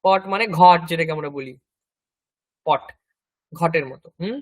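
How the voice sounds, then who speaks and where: A man with a Bengali accent teaching a Sanskrit lesson, patiently spelling each word letter by letter and repeating it slowly. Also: on the high side, no room sound. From India. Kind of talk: classroom language lesson.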